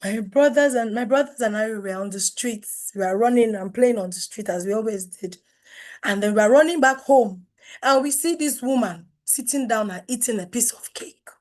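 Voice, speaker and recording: A middle-aged woman, hoarse from losing her voice, giving an emphatic online branding workshop full of rhetorical questions. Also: on the high side, moderate pace. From Nigeria. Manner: emphatic, rhetorical questions, wide swings in loudness. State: hoarse, has lost her voice. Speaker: webinar speaker on branding. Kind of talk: live online workshop talk.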